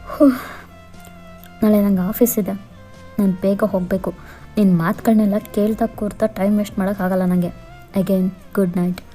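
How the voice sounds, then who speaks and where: A woman's voice: medium pitch, steady tone, moderate pace, long pauses, mellow, faint music behind, natural voice. A woman voicing a cold, dismissive young husband who gives curt orders in a bored, bossy way.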